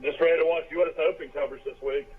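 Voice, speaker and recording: A man from Alabama, calling in to a radio talk show on a phone line that keeps breaking up, giving brief, quick replies. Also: fairly high pitch, fairly even intonation, crowd noise. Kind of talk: casual chat.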